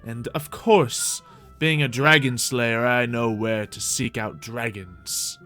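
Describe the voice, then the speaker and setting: Over faint background music, this mid-range male voice moves slowly, sounding pushed and bright. The speaker hosts a game roleplay livestream, delivering rambling, whimsical in-character commentary and addressing his audience with theatrical flair.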